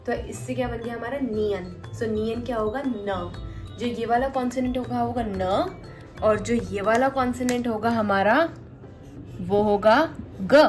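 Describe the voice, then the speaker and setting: Patient female tutor, slow repetitive delivery, light music bed. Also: on the high side, darkish tone. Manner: slow, repetitive, spells out sounds and mnemonics. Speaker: language teacher. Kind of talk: Korean alphabet lesson.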